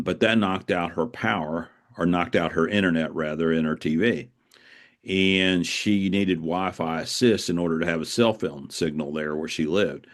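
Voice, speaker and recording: With a voice that sits low, a man in an author interview recounts stories reflectively. His manner is conversational, earnest and halting, with phrases repeated for emphasis.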